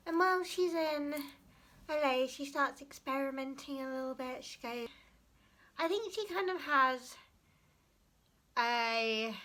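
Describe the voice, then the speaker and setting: A woman's voice: high-pitched, bright, forceful tone. A young woman vlogger talking casually about a book she has read, chatty and often stopping to search for the right word or correct herself.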